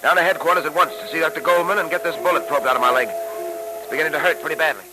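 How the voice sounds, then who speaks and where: An actor in old radio drama style playing a principled, stoic police detective with a crisp, authoritative manner. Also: male voice, a little high, racing, music in the background, natural voice, poor audio. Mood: commanding. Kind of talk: 1940s radio drama acting. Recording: vintage radio recording.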